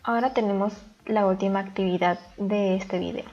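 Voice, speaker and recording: Woman teacher going thru a lesson step by step, calm, kinda dull sound, faint music behind. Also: medium pitch, normal speed. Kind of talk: recorded grammar lesson.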